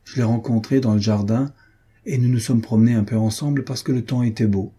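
A man voicing a calm, guarded lover. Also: medium pitch, breathy edge, lightly acted. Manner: measured, composed. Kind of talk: audiobook character reading.

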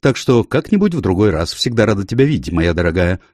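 A man's voice: lowish voice, big pitch swings, fast talker, darkish tone, no echo, studio quality. A man voicing a fussy, doting older aunt. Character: fussing, caring older aunt.

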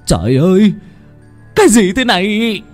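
Man playing a frantic old villain, yelling high, strained, faint music. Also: big pitch swings, a little slow. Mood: shocked. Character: panicked cruel old man, desperate boss.

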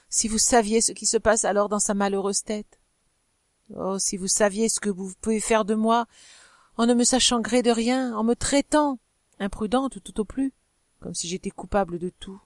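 A woman voicing a young wife from an old novel, pleading earnestly with her angry husband in a lifted, animated voice. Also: mid-range voice, moderate pace, dry recording, clean studio sound, close to an everyday voice.

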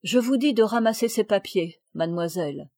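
A woman reading a calm, stern noble lady. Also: medium pitch, no echo, clean studio sound, lightly acted. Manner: measured, cold and formal.

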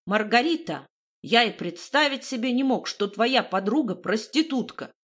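A fussy older man, read by a woman, creaky and indignant, lecturing in an audiobook. The delivery swings lively and fairly high. He sounds resentful and put upon. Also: normal speed. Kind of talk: audiobook reading.

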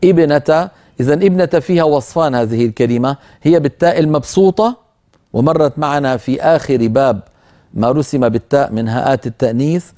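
Methodical male recitation teacher, mellow voice. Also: mid-range voice. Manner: methodical, addresses students directly and repeats each example; recites verse examples slowly and deliberately. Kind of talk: recorded lesson explaining recitation rules.

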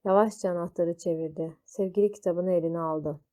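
A woman reading a children's story aloud, slow and deliberate. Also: fairly low pitch, steady tone, warm tone.

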